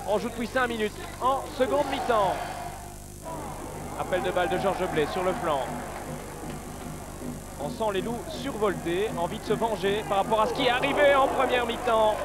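A man giving excited football commentary as a match commentator, his voice surging with the play. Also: sits high. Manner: voice surges on chances and goals.

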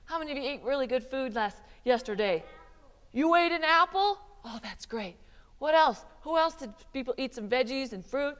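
Animated woman teaching children's yoga. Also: high-pitched, moderate pace, in a large hall. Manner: animated, coaxing, sprinkles in Spanish words. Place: public library room, live audience.

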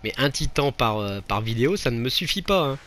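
A man commenting on his own gameplay in a casual, self-mocking way, laughing and groaning as he fails and retries. His voice sits at an ordinary middle pitch, with soft game music playing faintly underneath. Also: lively intonation, a little fast. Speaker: let's play host.

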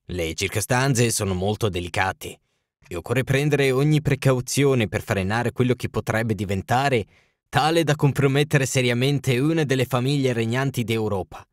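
A man's voice: mid-range voice, moderate pace, dry recording, studio quality, close to an everyday voice. An Italian man reading an audiobook, voicing a towering masked foreign king who speaks with solemn, formal urgency. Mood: guarded.

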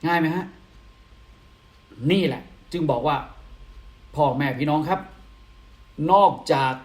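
A man's voice: fairly high pitch, unhurried, darkish tone, reverberant. A man hosting an online political commentary show, talking to viewers in a rhetorical style and answering his own questions. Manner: rhetorical, asks questions and answers them himself.

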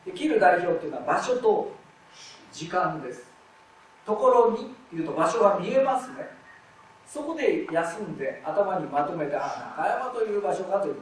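A man giving a live lecture on expressive reading, explaining step by step and demonstrating readings aloud. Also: a little high, slight background noise. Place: lecture hall at a festival event. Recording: very echoey hall, distant mic.

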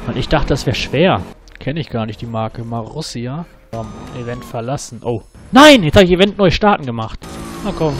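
A man hosting his own gaming channel, giving excitable, slangy let's play commentary and swearing often. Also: mid-range voice.

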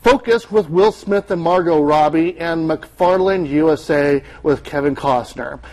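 A man with a fairly high voice gives a chatty, wry movie review in a TV studio. He talks as the station's film critic, easy and conversational. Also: a little slow, darkish tone, low-quality recording. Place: TV news studio.

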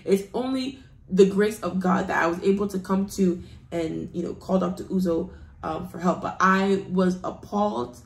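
A woman from the United Kingdom giving an earnest personal testimony, urging listeners with a preaching emphasis. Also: mid-range voice. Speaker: testimony guest. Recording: roomy echo.

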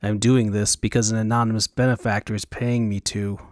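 A man voicing a blunt, impatient male frontier mercenary who keeps his voice low and curt, in a storybook audiobook. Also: level tone, a little fast, dry recording, studio quality, close to an everyday voice.

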